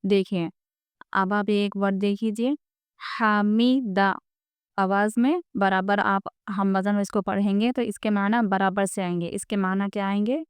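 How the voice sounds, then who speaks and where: A woman teaching Quran reading in a slow spoken lesson, patiently drawing out words to show their pronunciation and checking often that the viewer follows. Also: medium pitch, fairly even intonation, clean tone, dry recording. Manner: asks "theek hai?" often.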